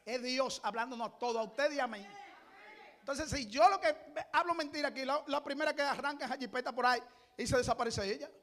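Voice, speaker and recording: A middle-aged man, preaching a sermon with passion, often shouting and repeating his phrases. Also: very high voice, quick pace. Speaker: pastor.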